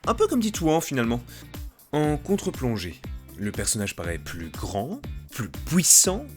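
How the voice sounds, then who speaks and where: A man's voice: mid-range voice, huge pitch swings, moderate pace, a little mellow, soft background music. Man narrating a comic voice-over. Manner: mocking asides. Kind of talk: comedic educational voice-over.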